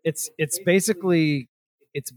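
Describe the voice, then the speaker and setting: A man's voice: a little high, fairly even intonation, unhurried, a little mellow. A man co-hosting a podcast, chatting casually about an album, full of fillers and restarts. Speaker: podcast co-host. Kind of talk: casual music chat.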